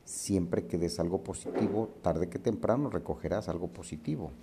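A man voicing a calm father who patiently explains a life lesson to his son in a storybook parable. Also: sits low, moderate pace, noisy background. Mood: gently instructive.

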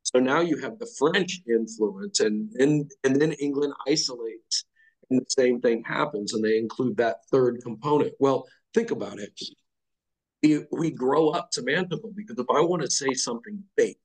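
A man's voice: mid-range voice, slightly rough, poor audio. A middle-aged man guest on a podcast, explaining ideas in a blunt, profane, casual way. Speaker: podcast guest, fire lieutenant. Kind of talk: casual conversational chat.

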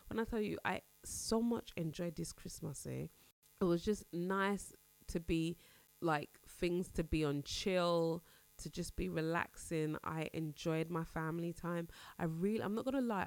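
Still getting over a cold, this thirtysomething podcast host sounds stuffy and nasal as she talks openly and casually. Her voice sits lowish and the recording has no echo. She rambles chattily and keeps restarting her thoughts.

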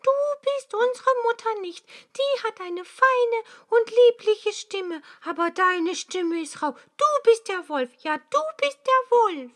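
A woman voicing seven frightened little goat kids in a high, shrill tone for a whispered fairy tale. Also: expressive, slow, hardly any pauses, fairly bright tone, exaggerated voice. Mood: alarmed. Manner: shrill, high chorus of children.

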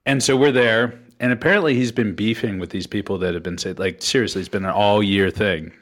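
A man's voice: lowish voice, brisk, fairly bright tone. A man hosting a casual podcast, asking rambling questions in a laid-back way and chuckling along. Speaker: podcast host.

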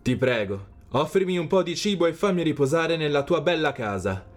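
A man voicing a wise king in a storybook reading, calm and measured. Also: on the high side, faint music behind, voice pushed up.

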